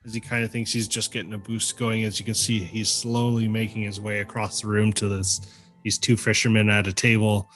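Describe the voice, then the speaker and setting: Lowish voice dm, rambling and easygoing, soft music under it. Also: male voice, level tone, brisk. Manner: laid-back, rambling. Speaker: game master. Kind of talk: game narration and bar-patron voices.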